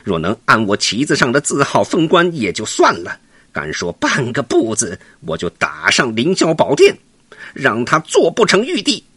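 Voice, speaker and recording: A man's voice: medium pitch, wildly swooping pitch, normal speed, pushed and bright, slightly rough, no echo, pitched above the performer's own voice, heavily acted. A man voicing a boastful, mocking monkey king in a children's story. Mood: defiant. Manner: mocking, laughing, brash.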